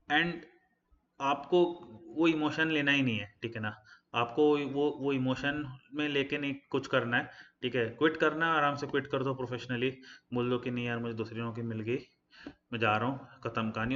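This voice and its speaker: A man's voice: mid-range voice, a bit bright, highs cut off, slight background noise. A man giving blunt, casual career advice to his channel viewers, talking conversationally with frequent fillers and English phrases mixed in.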